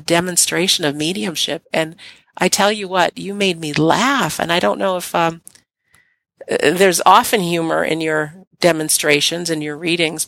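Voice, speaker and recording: A woman's voice: sits low, gravelly, fairly bright tone, no room sound. A woman hosting an online radio show, giving an upbeat scripted introduction and then chatting with enthusiasm in an interview.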